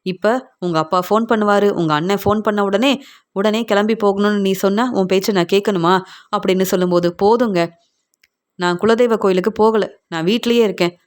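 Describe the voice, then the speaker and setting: A woman narrating a recap of a TV serial episode, retelling every character's dialogue in one steady voice, linked by repeated narration phrases. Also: mid-range voice, brisk. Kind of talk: retelling a TV serial episode, voicing all parts.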